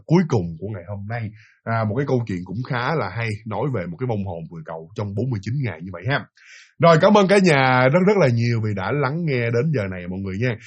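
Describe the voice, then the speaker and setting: A man's voice: mid-range voice, breathy edge, lo-fi sound. A man with a Southern Vietnamese accent telling a ghost story in a chatty way, speaking directly to his listeners. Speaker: storytelling channel host. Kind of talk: casual spoken ghost story.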